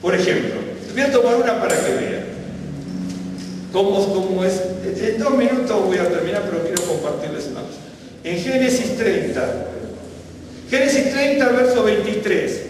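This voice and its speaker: Man, Bible teacher, explanatory, high voice, distant mic. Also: expressive, normal speed, noisy background. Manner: explanatory, often checks with listeners. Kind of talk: sermon-style Bible teaching. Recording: echoey hall, voice from far off.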